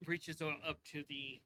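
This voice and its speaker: A man narrating a tabletop game as game master, relaxed and rambling with frequent fillers. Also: a little high, slight background noise, rough recording.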